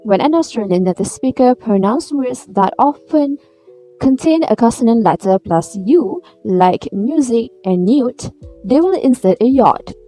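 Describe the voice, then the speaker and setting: A woman's voice: fairly high pitch, animated, unhurried, warm tone, soft background music. A woman student reading a prepared class presentation carefully from a script. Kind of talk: read-aloud class presentation.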